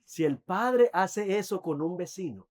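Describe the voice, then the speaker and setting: A man preaching a sermon as pastor, earnest, often dropping to soft, intimate tones. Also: sits high, lively intonation, measured pace.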